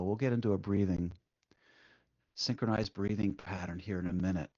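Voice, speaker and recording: As the guide of a meditation session, a man speaks gently and without hurry, pausing at length after each brief instruction. His voice is on the low side, and the recording sounds dry and dull.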